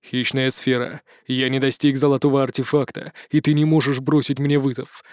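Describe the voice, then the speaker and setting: A man's voice: medium pitch, little pitch movement, normal speed, darkish tone, clear, resonant tone, no room sound, close to an everyday voice. A man voicing a sardonic lizard-man mage who talks in a dry, mocking way.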